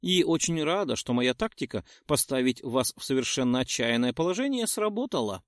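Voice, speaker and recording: A sly fairy queen speaks with a mocking, self-satisfied air, as a man raises his voice to play her in an audiobook. Her lines rise and fall with lively pitch. The recording is close and dry. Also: fairly quick, no echo, close to an everyday voice. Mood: amused, scheming. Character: proud scheming woman, queen of summer.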